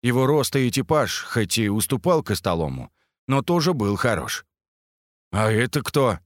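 Expressive male audiobook narrator. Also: medium pitch, normal speed, dry recording, studio quality. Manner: expressive first-person storytelling.

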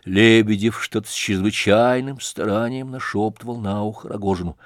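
A man narrating a classic novel in a measured, expressive storytelling voice. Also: lowish voice, no echo, clean studio sound. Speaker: audiobook narrator.

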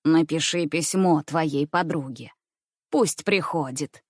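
A kindly uncle from a children's storybook speaks slowly in a lowered, soft voice, as a woman reader puts him on. He is gentle and a little sly. The recording is dry and close. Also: no echo. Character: kind, gently teasing middle-aged uncle.

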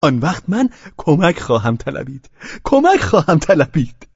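A sly drunken widower who teases and mocks with a strained, high voice, as a male audiobook narrator puts him on. The tone is husky and lifted well above a man's normal register. The recording is dry and slightly dull. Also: warm tone, dry recording, in a large hall. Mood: teasing. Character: mocking drunken middle-aged widower, sly.

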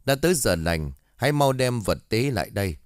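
A man's voice: medium pitch, sing-song, a little fast, dry recording, natural voice. Harsh, commanding old male shaman in an audio ghost story, voiced by a male narrator, dry close sound. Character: stern old male village shaman, menacing.

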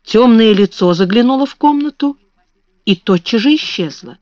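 A woman narrating a children's novel in a measured reading voice, in a dull lo-fi recording. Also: fairly high pitch, expressive, a little mellow, no room sound. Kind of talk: scripted audiobook narration.

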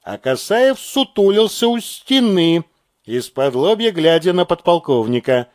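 A man narrating an audiobook in a slow, deliberate voice. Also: high voice, big pitch swings, dry recording, clean studio sound.

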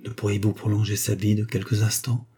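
Male reader playing a grave lawyer, hushed and questioning, low husky tone. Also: little pitch movement, brisk. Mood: probing.

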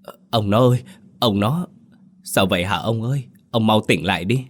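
A man's voice: fairly low pitch, moderate pace, natural voice. A man voicing a frantic older village wife in an audio horror story, crying out and calling for help. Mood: panicked.

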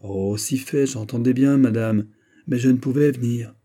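Brief: gallant male nobleman suitor, read by a man, ardent courtly pleading, husky voice. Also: mid-range voice, steady tone, moderate pace, mellow, natural voice.

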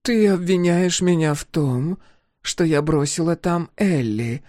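A man voicing a proud older woman scientist who speaks haltingly. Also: lowish voice, expressive, darkish tone, no room sound, clean studio sound, voice pushed up. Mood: defensive. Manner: halting, hesitant, apologetic.

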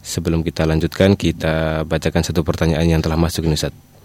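A man's voice: very deep voice, monotone, fast talker, a little mellow, dry recording. A man presenting a programme as an AM radio host.

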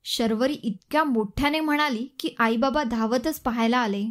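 A woman narrating a scripted audio story in a measured, expressive reading. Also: on the high side.

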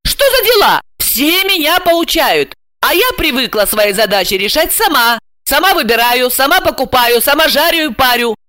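A woman voicing a hot-tempered, indignant housewife who snaps and shouts. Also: high-pitched, very animated, moderate pace, voice pushed up, exaggerated voice. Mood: furious. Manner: loud, snapping, exclamatory.

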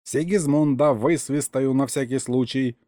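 Confiding older crewman, male, quiet asides, mellow tone, read by a man. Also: medium pitch, a little slow, dry recording, studio quality, natural voice. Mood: knowing.

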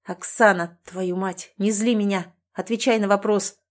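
A woman's voice: medium pitch, fairly even intonation, measured pace, natural voice. A woman voicing an angry, domineering husband who barks commands and threats. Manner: harsh, commanding, through gritted teeth.

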